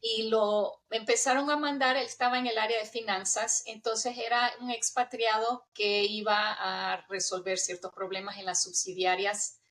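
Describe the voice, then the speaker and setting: Her voice is on the high side and a bit bright, with a flat delivery, normal speed, and hardly any pauses. The middle-aged intercultural trainer from the United States is a chatty interview guest who laughs easily. Her hybrid Spanish accent is often mistaken for Argentine.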